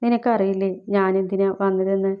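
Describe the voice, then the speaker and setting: A woman's voice: mid-range voice, level tone, moderate pace, smooth, natural voice. A woman voicing a grieving young husband who pleads bitterly for news of his missing wife, on a slightly dull recording. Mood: pleading.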